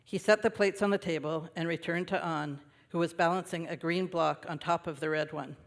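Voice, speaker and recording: A male minister reads a children's story aloud in a gentle, easy storytelling manner. His voice sits a little high and rings through a large worship hall with a long reverb. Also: fairly even intonation, normal speed, creaky. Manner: gentle storytelling with light, laughing asides.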